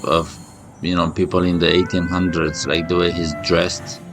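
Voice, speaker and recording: Low-voiced man reacting, swearing. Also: normal speed, music in the background. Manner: excitable, swears, many fillers. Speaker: reaction video host. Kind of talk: casual reaction commentary.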